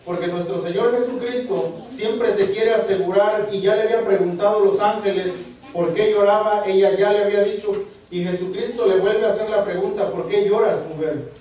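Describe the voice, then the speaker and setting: A man preaching a sermon, halting and repeating words as he asks the congregation for agreement. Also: high voice, steady tone, darkish tone, a little hiss or hum. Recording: echoey room, voice from far off the mic.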